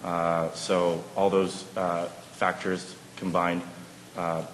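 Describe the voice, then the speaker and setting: A man in his thirties from Vancouver, answering as a panelist in a measured way with frequent fillers. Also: low voice, level tone, slight background noise. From Vancouver, Canada. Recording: echoey hall, faint ambience.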